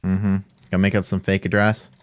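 A man's voice: low voice, fairly quick, clear, resonant tone. A young man chatting casually during a game, teasing his friend with dry remarks. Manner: dry teasing, lively reactions. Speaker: gaming channel co-host. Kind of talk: casual gameplay chat.

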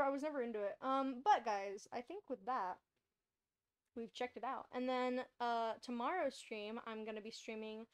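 Young woman streamer, high voice, bubbly and rambly, laughs a lot. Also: clear, resonant tone. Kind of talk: casual gameplay chat.

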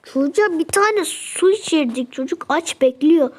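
A woman's voice: very high voice, expressive, normal speed. A young woman chatting casually as she narrates a game, fretting and exclaiming as she goes. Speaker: game video creator.

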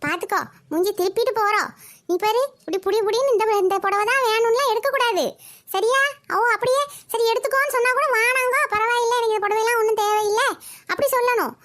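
Cartoon gossip auntie played by a woman: Kayalpattinam Tamil accent, very high squeaky voice, nagging and preachy. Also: fast talker, a bit bright. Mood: lecturing. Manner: nagging, lecturing. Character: meddling gossipy middle-aged auntie. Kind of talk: cartoon voice acting.

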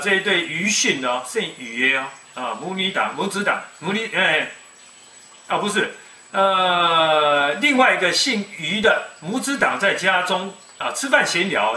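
A man in his fifties with a Taiwanese accent, giving folksy, animated commentary on the news. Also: on the high side. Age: 50s. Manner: animated, folksy, mixes Mandarin and Taiwanese Hokkien. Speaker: web TV commentator. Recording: echoey room, distant mic, faint noise.

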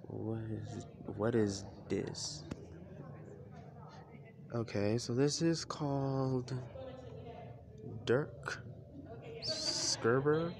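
A man's voice: mid-range voice, steady tone, extremely slow, vocal fry, pauses often, noisy background. A young man filming a casual walk-through of an art museum, musing aloud with curiosity about each piece. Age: young adult. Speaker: vlogger.

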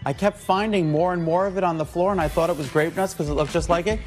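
A man's voice: high-pitched, quick pace, faint music behind. A middle-aged man, a news anchor, talking off script on air in a TV studio. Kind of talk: unscripted on-air banter.

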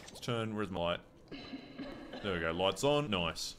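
Aussie gamer bloke talking over his playthrough, swears a lot, lively up and down voice, noisy mic. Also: deep voice, measured pace. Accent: Australian. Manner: excitable, swearing, mutters to himself. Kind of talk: casual gameplay commentary.

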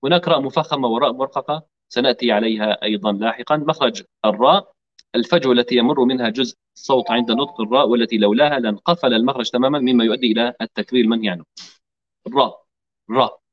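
A man teaching Quran recitation rules, explaining letter articulation and drilling each sound slowly for students to repeat. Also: medium pitch, dull audio. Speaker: tajweed teacher. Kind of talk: online recitation lesson.

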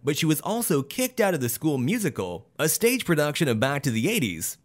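Upbeat male voice-over narrator, lively pitch. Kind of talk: scripted narration.

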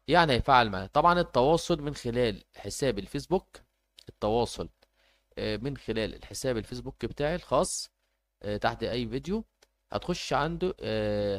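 A man with an Egyptian Arabic accent announcing a giveaway informally as host, hesitating and repeating himself as he goes. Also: medium pitch.

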